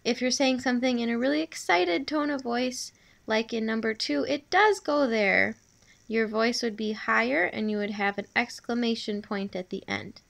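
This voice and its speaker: A woman teacher giving a spelling review, reading out each sound, word and sentence slowly and clearly and then repeating it. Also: on the high side, steady tone. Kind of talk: spelling dictation lesson.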